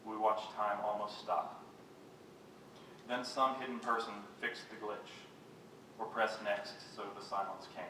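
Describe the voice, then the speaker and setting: A man giving a live poetry reading, reading his own poems in a measured, unhurried way and making wry, self-mocking jokes between them. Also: fairly low pitch, level tone. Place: reading venue with a live audience. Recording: very echoey room, voice picked up from a distance, faint background noise.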